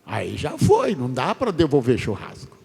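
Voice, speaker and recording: A pastor preaching a sermon in a church, telling stories with drawn-out, emphatic phrases. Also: male voice, mid-range voice, wildly swooping pitch, gravelly, dark tone, breathy edge. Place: large church. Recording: long church reverb.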